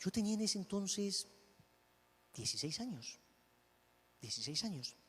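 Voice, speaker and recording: Emphatic high-voiced male preacher in a hall. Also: very animated, normal speed, slight background noise. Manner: emphatic, swings from loud declaiming to hushed storytelling. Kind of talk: sermon with personal testimony.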